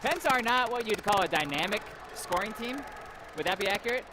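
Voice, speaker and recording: A man calling a youth hockey game play-by-play on a lavalier mic, casual between plays and excited on chances. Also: sits high, a little fast, background noise. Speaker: play-by-play commentator. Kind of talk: amateur hockey commentary.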